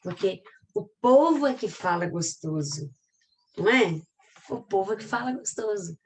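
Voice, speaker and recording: A woman's voice: mid-range voice, lively intonation, moderate pace, far from the mic, a little hiss or hum. A woman teacher from Minas Gerais with a Mineiro accent, chatting her way through a recorded class and searching aloud for pages. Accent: Mineiro Brazilian Portuguese. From Minas Gerais, Brazil. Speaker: literature teacher.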